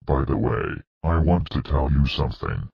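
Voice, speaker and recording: A demonic evil purple dinosaur, gloating and threatening at a slow, deliberate pace. The voice sits extremely low with a gravelly, husky edge. It comes through dull and muffled, like a lo-fi cartoon track. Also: male voice, fairly even intonation, exaggerated voice. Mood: menacing.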